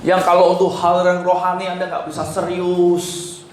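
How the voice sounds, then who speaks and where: A man's voice: high-pitched, completely flat delivery, normal speed. Pastor, male, emphatic sermon delivery, faint hiss in the background. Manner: exhorting, pleading and emphatic, swinging between loud and soft. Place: church hall. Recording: echoey church hall with faint noise.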